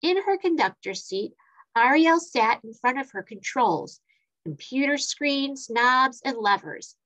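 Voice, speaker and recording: A woman reading a children's story aloud, expressive and playing with sound effects. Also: high voice, a little slow, poor audio.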